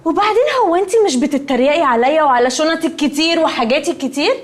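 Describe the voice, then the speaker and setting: A woman's voice: high voice, fast talker, lightly acted. An actress playing a snooty, snappish young woman in a TV comedy, with an Egyptian accent and a curt, haughty manner. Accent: Egyptian Arabic. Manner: curt, haughty, drops English words. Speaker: sitcom character. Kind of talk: TV comedy acting.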